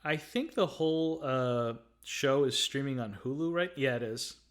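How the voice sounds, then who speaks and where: A man co-hosting a film podcast in casual chat, laughing often and acting out lines in quick bursts. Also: mid-range voice. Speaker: podcast co-host.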